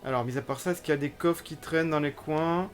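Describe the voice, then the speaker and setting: A male gamer talks through his play session, musing to himself as he hunts for the way forward. His voice sits a little high, and game music plays faintly underneath. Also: quick pace. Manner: thinks aloud, reads on-screen tutorials aloud. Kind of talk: casual gameplay commentary.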